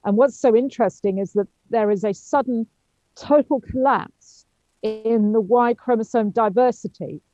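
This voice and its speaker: A woman with a dark, mellow voice chairs a seminar and talks with frequent ums and restarts. The sound is dry and dull, like lo-fi audio with little room around it. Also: a little high, normal speed, dry recording. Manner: hesitant, many ums and restarts. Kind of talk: academic discussion.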